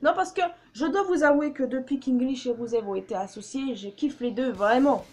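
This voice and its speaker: A woman's voice: high voice, normal speed, a little mellow. A woman giving opinionated, blunt news commentary in a casual vlog, swearing now and then. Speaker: YouTuber.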